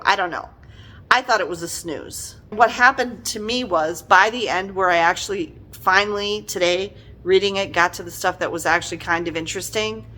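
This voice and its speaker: A middle-aged woman with a medium-pitched voice chats about a book she's reviewing, sounding animated, exasperated and emphatic throughout.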